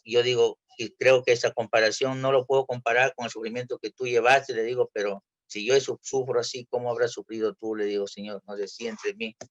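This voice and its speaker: A man shares his personal testimony before a congregation, earnest and halting, often restarting his phrases. His voice sits at an ordinary middle pitch. The recording sounds dull and lo-fi. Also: little pitch movement. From Peru. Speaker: church member giving testimony.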